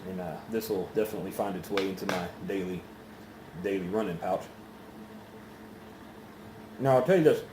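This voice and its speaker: A man chatting casually through a solo review in an unhurried, halting, rambling way, with pauses. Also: low voice. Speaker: pipe tobacco reviewer. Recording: roomy echo, faint background noise.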